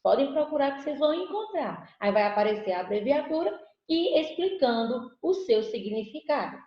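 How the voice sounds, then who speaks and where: A woman's voice: sits high, big pitch swings, moderate pace. A Brazilian Portuguese-speaking woman teaching an online lesson, patiently asking the class questions and answering them herself. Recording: echoey room, dull lo-fi audio.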